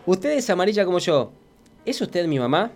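A man voicing a tiny, lonely yellow bird chick in a read-aloud storybook, in a high, plaintive voice. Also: sing-song, moderate pace. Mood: pleading.

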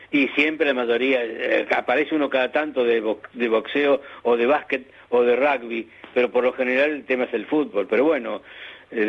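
Husky Argentine man, lo-fi line. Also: medium pitch. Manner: didactic, emphatic, with hesitant restarts. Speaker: guest, journalism teacher and author. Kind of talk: interview over the radio.

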